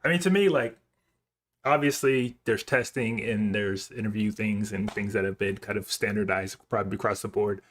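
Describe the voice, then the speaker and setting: A live coding streamer with a lowish, slightly bright voice chats at a moderate pace. He's informal and slangy, thinking aloud while he reads and answers viewer comments.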